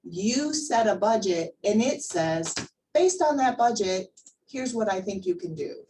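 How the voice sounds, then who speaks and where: Speaking at a measured pace with lively intonation, a woman with a medium-pitched, dark voice gives an informal training presentation at work. She's conversational and emphatic, quizzing and checking in with the group and repeating words to stress her points. A distant mic catches faint background noise.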